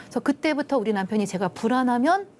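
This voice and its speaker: Animated Korean woman lecturer, lively pitch. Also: quick pace, a little hiss or hum. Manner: animated storytelling, acts out quoted lines; drops to soft hushed tones at tender moments. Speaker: lecturer, love institute director. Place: TV studio.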